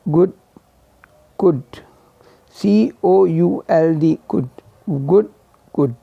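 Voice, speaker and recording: A man's voice: fairly high pitch, gravelly, dry recording. A man teaching English vowel sounds, spelling each word letter by letter and repeating it. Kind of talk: slow spelled-out phonetics lesson. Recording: dull lo-fi sound.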